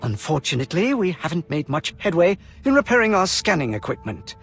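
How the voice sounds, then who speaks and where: In a video game cutscene, a man plays a stern, officious Imperial colonel, dutiful and brisk, with formal, clipped delivery and a measured mood. His exaggerated voice is fairly high and bright, sing-song and brisk, with vocal fry and a breathy edge. Music plays behind him.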